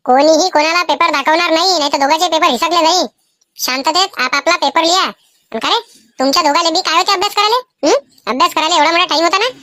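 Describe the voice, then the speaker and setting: Strict, scolding cartoon schoolteacher. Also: female voice, extremely high pitch, fast talker, sharp tone, no room sound, studio quality. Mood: stern scolding. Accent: Vidarbha Marathi. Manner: scolding, bossy, lecturing. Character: strict female schoolteacher supervising an exam. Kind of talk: animated cartoon voice acting.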